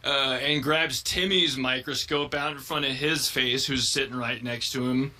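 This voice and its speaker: A man's voice: medium pitch, fairly even intonation, moderate pace, bright, forceful tone. A man recounting a funny story to his viewers, laughing and giggling throughout. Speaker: video creator. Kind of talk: comic storytelling.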